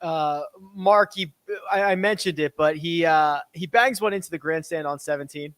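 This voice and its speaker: High-voiced man, dry close sound. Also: fairly bright tone, dry recording. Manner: halting, restarts phrases. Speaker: podcast host. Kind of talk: casual podcast chat.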